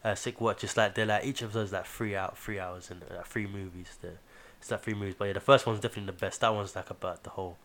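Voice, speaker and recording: A man's voice: lowish voice, fairly even intonation, fast, few pauses, fairly bright tone. A man with a London roadman accent hosting a podcast in casual, slang-heavy chat, swearing freely. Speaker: podcast host.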